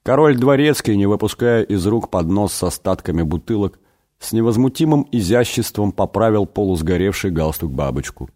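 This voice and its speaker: A man reading a satirical story aloud as an audiobook, wry and expressive. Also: on the low side, moderate pace. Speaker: reader. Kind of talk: audiobook narration.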